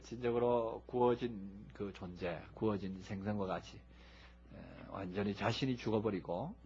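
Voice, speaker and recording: A man preaching a sermon in a lively, humorous way, acting out people who shout as they pray. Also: on the low side, husky. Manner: animated, humorous, acts out shouting worshippers. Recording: dull lo-fi recording.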